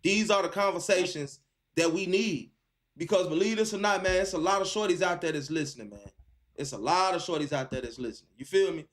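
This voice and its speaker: A man with a high-pitched voice hosts a live call-in stream, talking fairly quickly as he chats casually and encouragingly with a caller. He uses slang and repeats phrases for emphasis.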